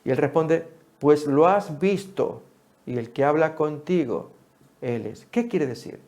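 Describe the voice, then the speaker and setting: A man preaching a Bible study sermon, speaking to his listeners as friends and jumping up in pitch when he quotes a speaker. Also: unhurried. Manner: animated, rises sharply for quoted speech, addresses listeners as friends.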